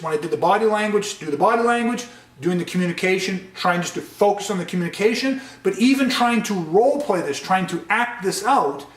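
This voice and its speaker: A man's voice: sits high, roomy sound. A man teaching a de-escalation training session, speaking earnestly and stressing key points. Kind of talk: training lecture.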